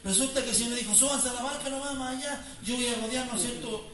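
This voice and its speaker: A man with a Chilean accent preaching a fervent sermon as pastor, rising to near-shouts and sing-song praise. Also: very high voice, fast talker. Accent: Chilean Spanish. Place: church hall. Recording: echoey church sound from a distance with congregation.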